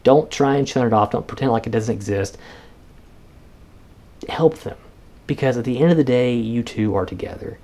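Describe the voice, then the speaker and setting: Male podcast host, young adult, dark warm voice, earnest and animated advice talk. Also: normal speed, long pauses. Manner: animated, earnest, pitch jumps up when excited. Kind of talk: casual advice monologue.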